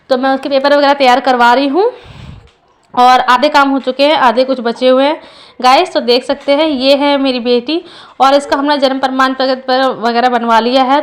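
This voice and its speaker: A young woman vlogger talking casually and earnestly about her family, rambling with frequent restarts. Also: high voice. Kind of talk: casual personal vlog.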